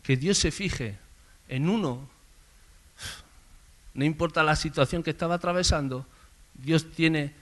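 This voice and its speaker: A man preaching a sermon in a conversational storytelling way, calling out names loudly. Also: fairly high pitch. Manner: conversational storytelling, swells loud on names called out. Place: church service.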